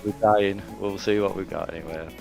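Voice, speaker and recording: A man's voice: sits low, fairly even intonation, normal speed, gravelly, a little mellow, faint music behind. A man from Oldham with a northern English accent, a racing driver chatting casually after a race, plain-spoken and self-deprecating, laughing easily. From Oldham, northern England. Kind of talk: casual post-race interview.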